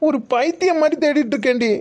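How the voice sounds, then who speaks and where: A woman voicing young heartbroken husband, cartoon drama, emotional, pleading, higher mellow voice. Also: fast talker, lightly acted. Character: young husband, frantic and heartbroken, searching for his wife.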